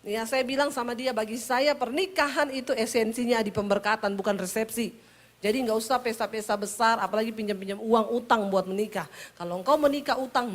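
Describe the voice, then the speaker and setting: Teasing middle-aged woman preacher from Sulawesi. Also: on the high side. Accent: Sulawesi Indonesian. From Sulawesi, Indonesia. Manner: lively storytelling, punchy and teasing. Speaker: pastor. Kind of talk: humorous sermon.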